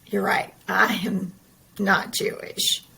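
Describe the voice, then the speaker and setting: A woman's voice: medium pitch, monotone, slow pace, gravelly, pushed and bright, slight background noise, rough recording. A middle-aged woman, talking earnestly and emphatically in a personal monologue, often repeating her words. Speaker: podcast host.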